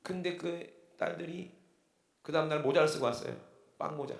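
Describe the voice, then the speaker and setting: A male pastor giving an impassioned sermon, swinging between loud cries and hushed, low passages. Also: fairly even intonation, normal speed, vocal fry. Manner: impassioned preaching, swinging from shouts to hushed tones. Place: church sanctuary. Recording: church hall with long reverb.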